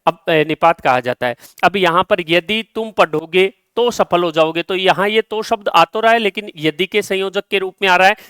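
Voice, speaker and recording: A man teaching a live exam-solution lesson, explaining step by step and reading example sentences out slowly. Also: high-pitched, a bit bright, clean tone, no echo, clean studio sound.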